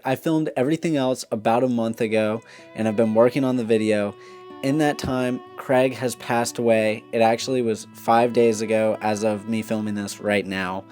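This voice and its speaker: A man's voice: medium pitch, warm tone. A man narrating his travel vlog in an enthusiastic, casual way, with a laugh now and then. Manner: enthusiastic, laughs while talking. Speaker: travel vlogger. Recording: faint music behind.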